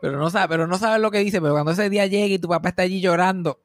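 Puerto rican guy cracking jokes, pretty high voice, dry close sound. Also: racing, dry recording. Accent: Puerto Rican Spanish. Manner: joking, animated, slips into English. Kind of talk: casual comedic chat.

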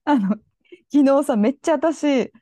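A woman's voice: high voice, a little slow, no room sound. A woman co-hosting a travel podcast, chatting casually and telling stories with lots of giggles. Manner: giggly, animated storytelling. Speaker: podcast co-host. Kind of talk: casual chat.

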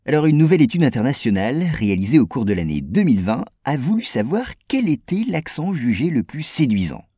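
Lively French man presenting news. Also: medium pitch, a little fast, no room sound, studio quality. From France. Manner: clear explanatory delivery addressing viewers. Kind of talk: scripted news narration.

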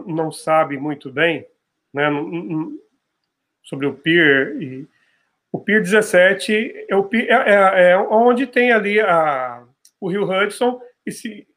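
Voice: mid-range voice, slow pace, fairly bright tone. An interviewer in a conversational interview, asking short follow-up questions and explaining context for viewers.

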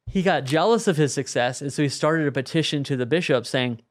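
A man co-hosting a podcast, telling stories in a casual, animated way. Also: fairly high pitch, fairly quick. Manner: animated storyteller, chuckles through anecdotes. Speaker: podcast co-host.

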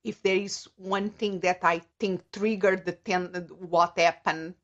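A middle-aged woman with a Portuguese accent, a native Portuguese speaker, speaking as an interview guest in a thoughtful, measured way as she searches for words. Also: fairly low pitch, little pitch movement, dull audio. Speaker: guest, coach. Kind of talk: casual interview.

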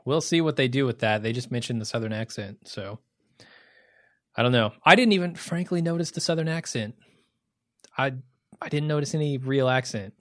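An easygoing man reads listener emails aloud on a podcast and keeps the casual chat moving. His voice sits at a middle pitch and sounds dry and close, with no room around it. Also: normal speed, long pauses, a bit bright, no echo. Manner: easygoing, moves the talk along.

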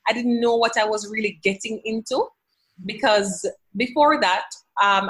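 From her home office, a language educator answers a podcast interviewer conversationally, earnest and faith-filled, quoting scripture. Her mid-range voice has a fairly bright tone, though the audio quality is poor.

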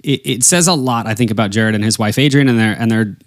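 A man hosting a casual podcast in a folksy way, often pausing to think aloud as he talks to listeners. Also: fairly low pitch, dry recording, clean studio sound. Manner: folksy, addresses listeners as y'all. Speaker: podcast host; wedding and portrait photographer.

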